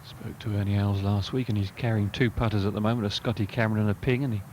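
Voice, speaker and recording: A man with a fairly low voice gives conversational golf commentary. He adds chatty asides as a co-commentator, over clearly audible outdoor noise. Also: fairly even intonation, quick pace, a little mellow.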